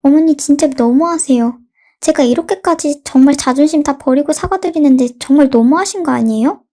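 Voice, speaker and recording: A woman's voice: high-pitched, brisk, warm tone. A woman voicing a demanding young daughter-in-law in a read-aloud radio story. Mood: resentful. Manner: demanding, indignant.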